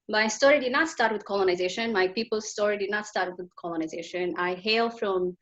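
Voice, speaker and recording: A woman from Somaliland, raised in Tanzania, telling her story as a nonprofit founder in an earnest, lively way on a panel held over a video call. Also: mid-range voice, normal speed, dull audio. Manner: earnest, animated storytelling with laughs. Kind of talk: panel discussion.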